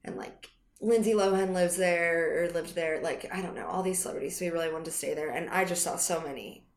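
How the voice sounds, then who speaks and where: American woman, low and lazy with vocal fry, casual podcast guest, roomy sound. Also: brisk. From United States. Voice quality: deep voice. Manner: lazy, effortful-sounding drawl. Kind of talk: casual chat. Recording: roomy echo.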